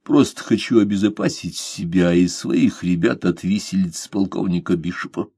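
A man's voice: sits low, normal speed, husky, no echo, clean studio sound. A man voicing a composed, courteous pirate captain who speaks with cool irony. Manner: calm, courteous, mocking. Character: calm, ironic pirate captain, male adult.

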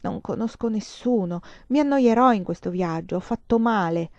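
A woman's voice: mid-range voice, moderate pace, a little mellow, no echo, muffled recording, lightly acted. A woman reading as an impatient young mother. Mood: irritable. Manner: curt, impatient, a little raised. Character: restless, irritable young woman, mother on a voyage.

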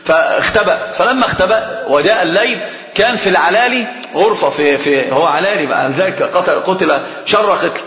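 A man's voice: sits high, a little fast. A male scholar teaching a religious class, telling stories with animation and quizzing his students. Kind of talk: religious lesson with storytelling. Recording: echoey hall, dull lo-fi sound.

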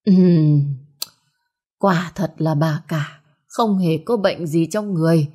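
A woman's voice: low-pitched, slow pace, dark tone, husky, exaggerated voice. Woman voicing old village healer, grave hesitant tone, storybook drama.

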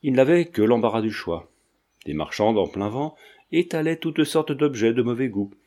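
A man narrating a novel for an audiobook in an expressive, measured reading. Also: mid-range voice.

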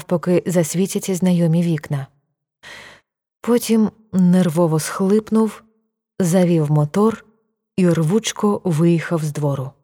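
A woman narrating an audiobook in a calm, even reading voice. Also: on the low side, slightly rough. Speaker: audiobook reader.

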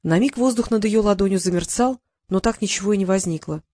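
A woman reading an audiobook as narrator, with an even, expressive delivery. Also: medium pitch, fairly quick, no echo, clean studio sound. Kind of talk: scripted narration.

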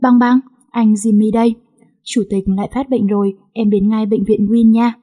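A woman's voice: fairly high pitch, fairly even intonation, normal speed, mellow, close to an everyday voice. A woman voicing a loyal young family aide who speaks steadily and reassuringly. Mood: urgent, steady.

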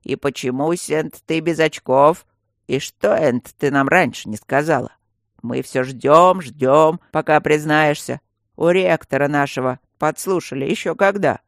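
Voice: medium pitch, animated, takes it slowly, no echo, studio quality. A reader voicing an old, peevish male stone guardian who mumbles and grumbles, in a storybook reading. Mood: aggrieved. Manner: lisping mumble, peevish and fussy. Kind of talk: audiobook character voice.

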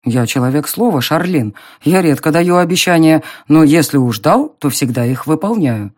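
A narrator playing a smug young nobleman who mocks and teases in an audiobook reading, with a slow, drawling, low delivery. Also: lively intonation, darkish tone. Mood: mocking.

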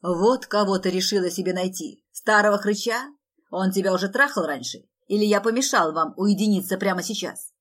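A woman's voice: fairly low pitch, moderate pace, hardly any pauses, natural voice. Woman voicing a snarling, jealous brother. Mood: enraged. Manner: shouting, snarling accusations. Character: furious jealous young man, older brother.

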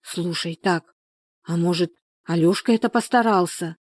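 A woman voicing a practical village woman friend who talks briskly and coaxingly with concern. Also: lowish voice, dry recording, studio quality.

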